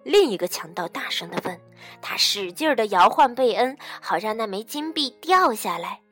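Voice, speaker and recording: A woman narrating a children's story with an expressive, lively storybook delivery. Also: mid-range voice, normal speed, soft background music.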